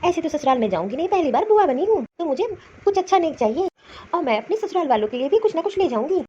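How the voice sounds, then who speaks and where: Snippy young sister-in-law done by a woman, super high voice, bossy, muffled lo-fi. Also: sing-song, quick pace, dark tone, slight background noise. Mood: cheery. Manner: curt, bossy and dismissive. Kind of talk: cartoon story voicing. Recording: slightly dull lo-fi recording.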